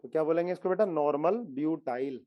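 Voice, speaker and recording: During a classroom chemistry lecture, a man with a slightly high voice speaks fast and coaxes his students, asking them questions over and over. The audio sounds dull.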